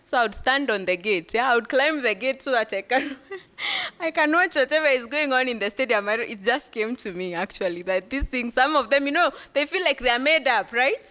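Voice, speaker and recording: A woman's voice: high-pitched, animated, fairly quick, few pauses, bright, forceful tone. A woman leading a workshop discussion, asking the room questions and laughing often. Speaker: workshop facilitator. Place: conference room.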